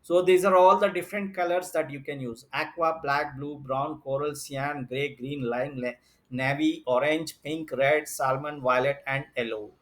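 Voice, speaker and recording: A man's voice: a little high, steady tone, moderate pace, a bit bright. A man teaching an online computer class, explaining step by step with frequent fillers and repetition. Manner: explains step by step, repeats himself, many fillers.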